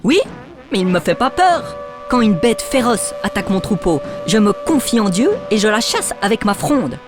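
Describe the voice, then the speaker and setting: A woman's voice: medium pitch, big pitch swings, moderate pace, natural voice. Woman voicing a plucky cartoon boy hero, sure of himself. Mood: confident. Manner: confident, cheeky. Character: brave young shepherd boy, cheeky. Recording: cartoon with music behind.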